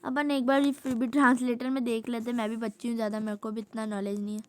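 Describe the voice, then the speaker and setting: A woman's voice: fairly high pitch, flat delivery, quick pace, a little mellow. A woman reading a picture book aloud in a casual, chatty way, stopping to explain words at length and laughing along with the story.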